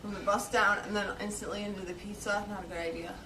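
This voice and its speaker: A woman's voice: medium pitch, steady tone, fast talker, far from the mic, background noise. A young woman streaming, joking casually and sometimes talking with her mouth full. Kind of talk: casual chat.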